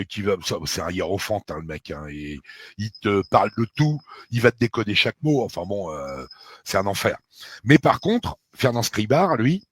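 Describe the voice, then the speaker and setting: A man's voice: fairly low pitch, slightly rough, no echo. A middle-aged man from France, talking casually and emphatically with many fillers and asides. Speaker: researcher of a historical mystery. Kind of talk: casual conversation.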